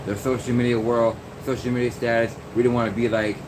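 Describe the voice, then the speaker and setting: A young man vlogs in a loose, meandering monologue, talking fast in a medium-pitched, flat voice. His speech is packed with fillers and restarts, and a noisy hum runs in the background.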